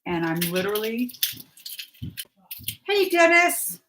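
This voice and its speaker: A woman's voice: on the high side, sing-song, slow, heavy background noise. A middle-aged woman hosting a casual cooking video, chatting to her viewers as she works in her home kitchen. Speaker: cooking vlogger. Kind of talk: casual live cooking chat. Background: clatter of dishes and pans.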